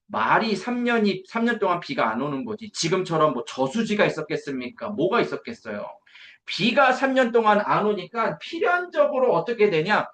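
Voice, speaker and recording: A man delivers a sermon in an echoey church hall, his voice ranging widely in pitch. He preaches emphatically, posing rhetorical questions to the room and answering them himself. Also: very animated, normal speed, fairly bright tone. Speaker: preacher at an evangelism school.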